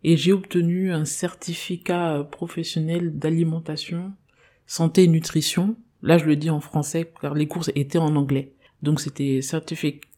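A woman's voice: low-pitched, warm tone. A young woman, a podcast host of Congolese descent, talking earnestly in a personal monologue with frequent hesitations.

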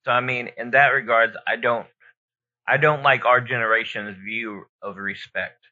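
A man's voice: mid-range voice, fairly even intonation, moderate pace, pushed and bright. A man co-hosting a podcast in casual, informal chat, rambling and thinking aloud as he gives his opinions. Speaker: podcast co-host. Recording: dull lo-fi audio.

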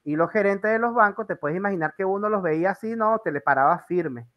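A man's voice: sits high, fairly quick, dull audio. A Venezuelan man hosting an interview, chatting casually and telling rambling stories with lots of fillers. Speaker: interview host.

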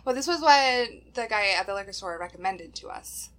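A woman's voice: medium pitch, animated, moderate pace, bright, forceful tone. A woman co-hosting a podcast in natural, unscripted casual talk with a friend, chatty, giggly and self-deprecating. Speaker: podcast co-host.

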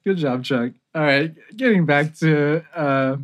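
A man co-hosting a podcast in casual chat, presenting a relaxed, explanatory rundown. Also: fairly high pitch, slow.

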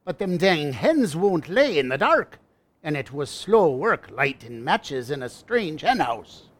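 An actor playing a gruff old fisherman and sea captain with raspy, folksy sailor talk in a radio comedy. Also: fairly high pitch, sing-song, a little slow. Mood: hearty, folksy.

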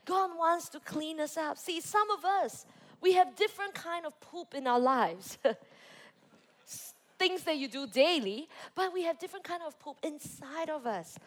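A young woman pastor preaching to a youth service, telling a personal story with lively, animated delivery. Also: extremely high pitch, unhurried. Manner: animated storytelling, acting out her own reactions.

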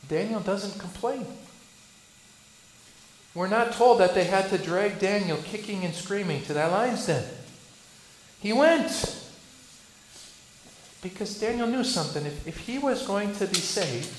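Pastor, male, high voice. Preaches with rhetorical questions and sharp shifts between loud and soft. Roomy church sound with faint background hum. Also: expressive, measured pace, long pauses. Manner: asks rhetorical questions, swings between loud bursts and hushed lines. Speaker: Lutheran pastor. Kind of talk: sermon.

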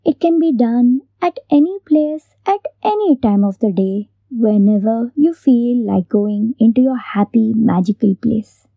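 A woman hosting a guided meditation in a soft, breathy near-whisper, gently giving unhurried instructions with long pauses. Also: a little high, expressive, dry recording, narrow, tinny audio. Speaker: meditation host.

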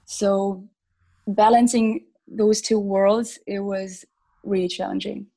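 A young woman from Switzerland, a singer, answering interview questions casually with many pauses and little laughs. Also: mid-range voice, flat delivery, creaky, warm tone, low-quality recording. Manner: hesitant, many ums, laughs between thoughts. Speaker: singer, podcast guest.

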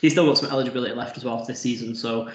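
Fast-talking man, flat delivery. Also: medium pitch. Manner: quick, filler-heavy analysis with many restarts. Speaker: podcast guest. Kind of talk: casual sports podcast chat. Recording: dull roomy lo-fi audio.

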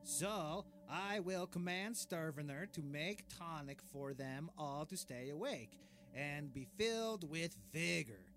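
Brief: smug, oblivious tyrant king, voiced by a man, slow and high-pitched for a man, reading a diary with pompous deadpan delivery. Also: a little hiss or hum. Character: vain, oblivious, cruel male dictator king. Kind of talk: comedic diary narration.

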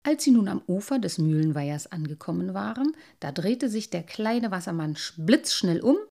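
A woman reading a children's story aloud in an expressive, animated way. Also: mid-range voice, normal speed, creaky.

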